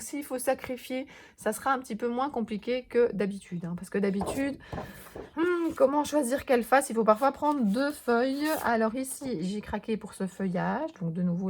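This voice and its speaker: In a casual show-and-tell haul video, a woman who vlogs about crafting gushes over her scrapbooking finds, using lots of fillers and little restarts. Her voice is on the high side, with slight background noise.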